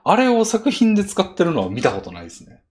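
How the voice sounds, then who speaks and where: A man's voice: sits high, huge pitch swings, fast, darkish tone. A man with a Kansai accent hosting a casual chat podcast, enthusiastic and laughing often. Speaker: podcast host.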